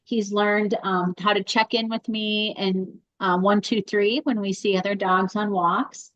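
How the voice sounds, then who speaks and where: A woman's voice: mid-range voice, fairly even intonation, measured pace, a bit bright, lo-fi sound. A woman who fosters a dog, talking chattily and in detail over a video call. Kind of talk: casual chat.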